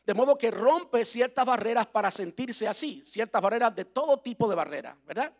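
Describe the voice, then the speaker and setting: A man preaching a relaxed sermon, his voice sitting notably high for a man. He talks in a chatty, playful way, stopping to spell words out letter by letter. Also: a little fast. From Cuba. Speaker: pastor.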